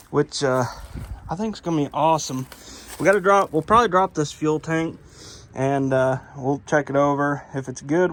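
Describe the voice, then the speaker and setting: A man with a slightly higher voice chats to his viewers while he works in a garage. He rambles, filling gaps with "uh" and "um" and correcting himself as he goes. A faint hiss of noise sits under the voice. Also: fairly bright tone. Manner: rambling, many fillers and self-corrections. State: out of breath. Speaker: vlogger restoring a truck. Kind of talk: casual talk to camera while working.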